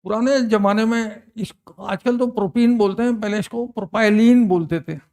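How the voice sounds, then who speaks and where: A man's voice: sits high, moderate pace, a little mellow. An older man, teaching a chemistry class in a chatty way, quizzing students and reminiscing between questions. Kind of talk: classroom lecture.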